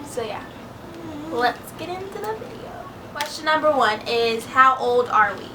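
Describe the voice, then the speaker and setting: A very animated twenty-year-old woman co-hosts a vlog Q&A, chatting easygoingly in a slightly high voice and pausing on frequent ums. She's recorded from a distance, sounding set back from the mic, with a clear hiss of background noise.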